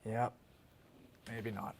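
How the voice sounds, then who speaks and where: A man's voice: fairly low pitch, flat delivery, extremely slow, darkish tone, slight background noise. A man playing a worn-out young man who admits he can be cold, speaking in a subdued, weary way in a drama reading. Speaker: actor. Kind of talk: staged radio-style drama reading.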